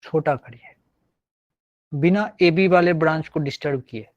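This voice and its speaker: Slow-talking male physics teacher. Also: on the high side, muffled recording. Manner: repeats phrases, encouraging. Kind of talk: live online class lecture.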